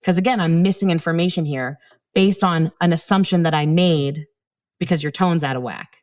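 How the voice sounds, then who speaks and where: A woman's voice: on the low side, normal speed, a little mellow. A middle-aged woman speaking as a communication coach on a podcast, blunt and playful, acting out quoted tones of voice. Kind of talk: casual interview talk.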